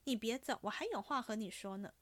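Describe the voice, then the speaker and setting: A woman voicing a sharp-tongued, jealous young noblewoman who runs the household, speaking in a teasing, probing, commanding way. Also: a little high, a little fast, no echo, natural voice.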